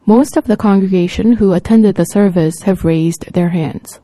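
A woman preacher delivers a sermon in a measured, deliberate way. Her voice is mellow and warm. The recording is dry and close. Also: medium pitch, dry recording.

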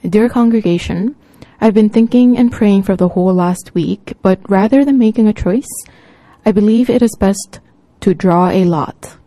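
An anxious senior pastor played by a woman preacher pleads earnestly with his flock, halting over his words. The tone is mellow and soft. The sound is dry and close. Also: mid-range voice, no room sound, lightly acted. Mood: solemn.

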